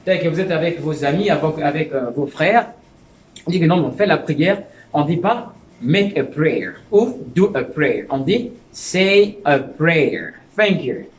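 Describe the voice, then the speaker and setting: Animated high-voiced man teaching English. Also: reverberant. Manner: repeats phrases, slow careful English examples; stammers and restarts. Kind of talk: video language lesson.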